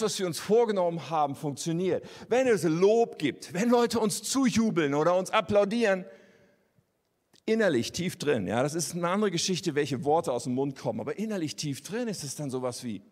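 Male preacher, earnest conversational sermon, slightly high voice, long hall reverb. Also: expressive, normal speed. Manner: earnest, conversational, addresses listeners directly.

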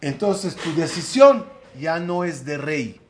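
High-voiced, slow-speaking rabbi teaching. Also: male voice, expressive, slight background noise. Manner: asks the class questions and acts out dialogue. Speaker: rabbi teaching a Torah class. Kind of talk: classroom Torah lesson. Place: room with a live class.

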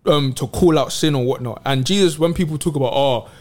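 A man in casual faith discussion on a podcast, animated and slangy, retelling Bible stories in street talk. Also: on the high side, a little fast. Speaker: podcast co-host.

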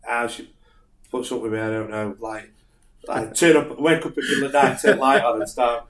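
A man with a northern English accent talks at a middling pitch, rambling humbly with lots of fillers. His voice rings around an echoey room. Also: flat delivery, fairly quick, a bit bright. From northern England. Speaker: guest, martial arts instructor. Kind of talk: casual interview.

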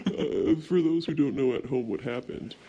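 A man's voice: mid-range voice, moderate pace, a crowd in the background, low-quality recording. A young man co-hosting a casual late-night podcast, telling rambling stories full of swearing. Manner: rambling, swears a lot, animated storytelling. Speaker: podcast co-host.

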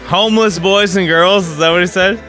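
A man's voice: high voice, steady tone, a little fast, sharp tone, soft background music. A man reacting to records in casual chat with an awed frat-bro manner, saying "dude" often.

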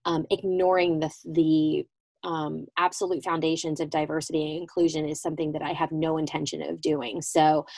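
A woman hosting a solo podcast from a small closet, talking informally and reflectively, with halting pauses. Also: low voice, level tone, gravelly, a little mellow, no echo. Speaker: podcast host. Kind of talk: casual solo podcast monologue.

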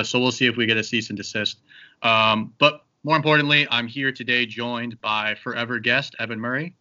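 A man's voice: mid-range voice, bright, forceful tone, highs cut off. A man hosting a casual podcast chat, joking and loose, with plenty of fillers. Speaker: podcast host.

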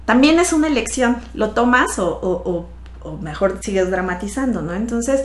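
A woman with a Mexican accent, a podcast guest telling her story in a lively, casual way, often laughing and acting out the voices of people she quotes. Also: fairly high pitch, normal speed. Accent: Mexican Spanish. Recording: echoey room sound.

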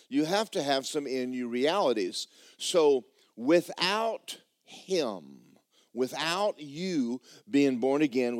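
A man preaching a sermon as a church pastor, emphatic and drawn out, sinking low and quiet at the ends of phrases, then leaping into sudden loud outbursts. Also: no room sound, studio quality. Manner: emphatic preaching with swooping pitch and sudden shouts.

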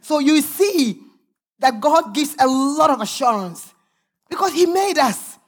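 A woman's voice: sits high, expressive, unhurried. A woman pastor preaching a sermon, reading scripture aloud with emphatic, sometimes sung, calls to the congregation.

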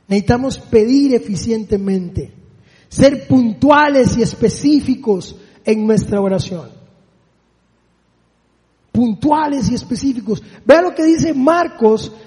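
A man with a strikingly high voice delivers a sermon, pressing his listeners with rhetorical questions. His words ring out with the long reverb of a large hall. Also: a little mellow. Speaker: preacher.

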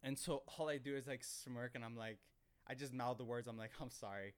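A young man talks into a desk microphone for his podcast, rambling through a story with plenty of restarts and filler words. His voice is smooth and clear, at an ordinary middle pitch for a man. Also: steady tone, fairly quick. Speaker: podcast host. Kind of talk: casual storytelling monologue.

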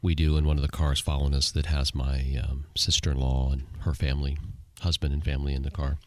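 A man with a very deep, low voice tells a story in relaxed podcast chat. He is animated and acts out the voices of the people in his story. The sound is dry and close, with no room around it. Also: fast, dry recording. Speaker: podcast co-host. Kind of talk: casual chat.

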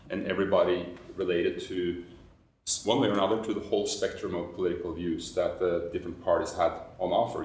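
A man from Norway, speaking on a panel in a measured, hesitant way. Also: low-pitched. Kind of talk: roundtable discussion. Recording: roomy echo, mic far off.

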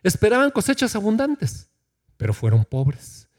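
A man's voice: sits high, huge pitch swings, moderate pace. A middle-aged man preaching a sermon in a church, reading scripture aloud and asking the congregation questions. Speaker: pastor.

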